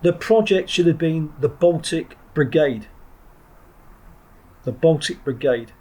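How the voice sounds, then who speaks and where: On a low-quality recording, a middle-aged Englishman who once trained Marines speaks slowly in a fairly high, warm voice. He's a podcast guest giving reflective interview talk. Blunt and rambling, he frequently starts sentences over and lets the odd swear word slip.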